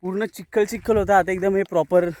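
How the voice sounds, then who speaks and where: A young man with a high, darkish voice talks briskly and flatly in a casual vlog, mostly outdoors in windy countryside. He moves between languages and repeats himself as he addresses viewers.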